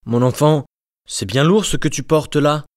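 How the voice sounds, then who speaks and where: Kindly big stranger, grave low voice, dry, gentle, narrator putting him on. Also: male voice, measured pace, dry recording, lightly acted. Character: tall, strong, kindly stranger, grown man.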